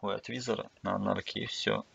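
A man's voice: lowish voice, steady tone, brisk, creaky, fairly bright tone, slightly rough, dry recording, highs cut off. A man giving casual live gameplay commentary as a streamer, in short, offhand reactions. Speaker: game streamer. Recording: noisy stream with game sounds.

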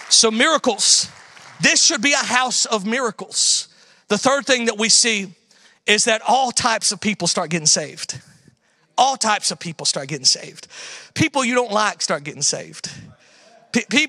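High, bright-voiced male preacher. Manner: storytelling preacher, swings from loud exhortation to hushed asides. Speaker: guest pastor. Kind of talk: sermon.

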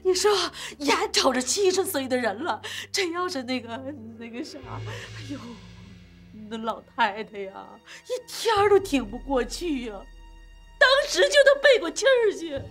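A woman's voice: high voice, sing-song, unhurried, soft background music. An actress playing a middle-aged country mother, sobbing and pleading melodramatically for her daughter's life. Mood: sobbing plea.

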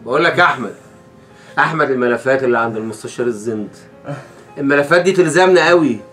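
An actor with an Egyptian accent playing a menacing police officer who interrogates a prisoner, coaxing softly and then threatening harshly. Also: male voice, medium pitch, very fast, close to an everyday voice. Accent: Egyptian Arabic. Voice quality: switches between mock-soft coaxing and harsh threats. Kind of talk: Egyptian web drama acting. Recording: distant mic with music underneath.

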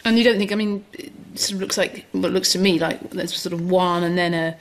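A woman's voice: fairly low pitch, steady tone, a little fast, slight background noise, lightly acted. An actress playing an anxious mother who keeps probing with worried questions.

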